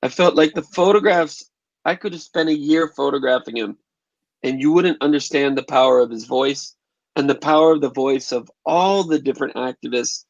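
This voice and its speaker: Answering interview questions, this male documentary filmmaker and photographer speaks with vocal fry at a medium pitch. He sounds thoughtful and conversational, often starting phrases over while remembering what happened. The audio is muffled and has no room sound.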